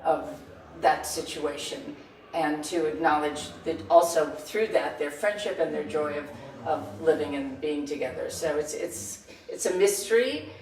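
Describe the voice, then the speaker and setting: A low-pitched older woman talks about her acting career in a halting, friendly way, often repeating the first words of a phrase. She sounds distant from the mic in a reverberant room, with music faint behind her. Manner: warm, halting, searches for words with many restarts. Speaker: lead actress. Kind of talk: casual interview chat. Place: festival event room.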